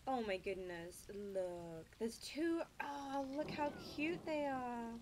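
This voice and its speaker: A woman's voice: on the high side, takes it slowly, darkish tone, slight background noise. A woman playing a video game, gushing, gasping and exclaiming with delight as she comments. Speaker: gaming video host. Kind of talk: let's play commentary.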